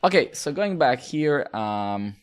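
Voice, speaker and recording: Streamer, man, mid-30s, from Serbia, rambling casual chat with swearing and fillers, mid-pitched. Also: very animated, takes it slowly, clean tone. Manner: rambling, lots of filler, swears, asks "right?". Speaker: live-coding streamer. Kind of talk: casual chat while coding.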